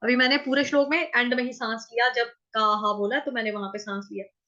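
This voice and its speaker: A woman teaching Sanskrit verse recitation in an online lesson, explaining pronunciation syllable by syllable and drawing out each chanted line slowly. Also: on the high side, fairly even intonation, bright, forceful tone, muffled recording.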